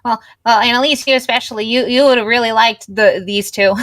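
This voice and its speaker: A woman playing a tabletop game, chatting casually with quick laughing asides. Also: a little high, fairly even intonation, a bit bright, no room sound. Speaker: player.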